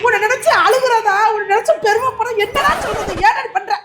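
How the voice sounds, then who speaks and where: An exasperated, scolding mother, as a woman plays her in a comedy sketch, shouting and wailing at her son. Her voice is very high and shrill. Music plays clearly behind her. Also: fast. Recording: background music.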